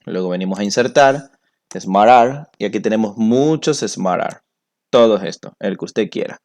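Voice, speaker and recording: A man walks students through a software tutorial. He explains each step patiently, one click at a time, as a teacher would to a class. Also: lowish voice, normal speed. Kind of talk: screen-recorded software tutorial.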